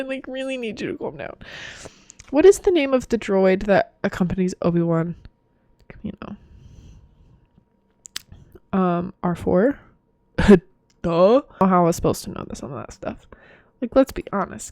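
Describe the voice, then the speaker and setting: A woman's voice: a little high, a little mellow, dry recording, studio quality. A tired young woman chatting casually through a quiz, giggly and self-mocking. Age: young adult. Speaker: vlogger. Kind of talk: casual chat doing a quiz.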